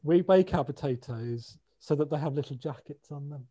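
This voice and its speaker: A man's voice: on the high side, moderate pace, warm tone, husky. A man with a British accent chatting casually, dry and matter-of-fact, often trailing off mid-sentence. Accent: British English. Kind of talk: casual chat.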